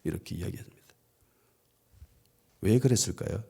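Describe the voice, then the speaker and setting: A man's voice: low voice, normal speed, vocal fry, warm tone, breathy edge. A man with a Gyeongsang accent preaching a sermon, telling the story with quoted voices and frequent affirming asides. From Gyeongsang region, South Korea. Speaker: pastor. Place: church.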